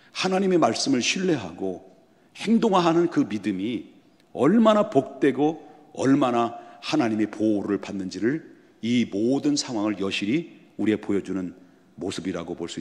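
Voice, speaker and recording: A male pastor delivering a sermon, often asking his congregation rhetorical questions and building to loud, emphatic passages. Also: fairly low pitch. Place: church sanctuary. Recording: long church hall reverb.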